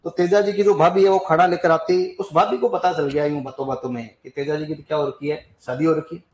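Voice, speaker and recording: Throat-clearing man teaching in an echoey room. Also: fairly high pitch, level tone, a little fast, darkish tone. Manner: chatty, talks to students with asides and questions. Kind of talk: storytelling lesson on folk deities.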